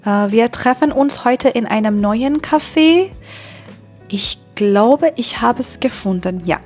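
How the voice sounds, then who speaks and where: A woman from Iran, a German teacher, narrating a vlog for learners in a slow, deliberate way with some filler sounds. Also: a little high, expressive, a little mellow, soft background music.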